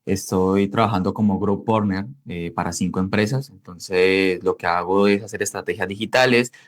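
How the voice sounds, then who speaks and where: A twentysomething man from Cali, Colombia, speaks with a Colombian accent in a low, steady voice at a normal speed. He's a digital marketing entrepreneur appearing as an interview guest, conversationally recounting his own story.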